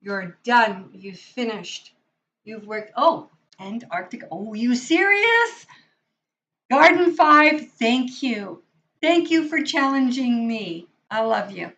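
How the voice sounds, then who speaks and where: A woman's voice: a little high, lively intonation, takes it slowly, a bit bright. A woman hosting a live tarot reading, chatting with enthusiasm and speaking straight to her viewers. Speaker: tarot reader and livestream host. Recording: dull lo-fi sound.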